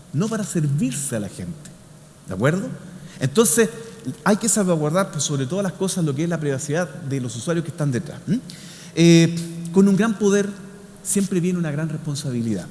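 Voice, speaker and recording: A Chilean man with a fairly high voice gives a didactic public talk. He keeps checking in with short questions, his voice ringing in a big hall over faint noise. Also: darkish tone. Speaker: speaker, scientist. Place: large indoor hall before an audience.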